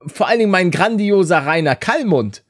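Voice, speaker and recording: Podcast co-host, male, from the Rhineland; teasing, joking, animated voice, dry close mic. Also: sits high, brisk, dry recording. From Rhineland, Germany. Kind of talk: casual podcast banter.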